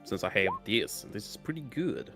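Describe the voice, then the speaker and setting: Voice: mid-range voice, animated, moderate pace, bright, forceful tone, soft background music. A player in a tabletop role-playing game, talking casually and calling out guidance.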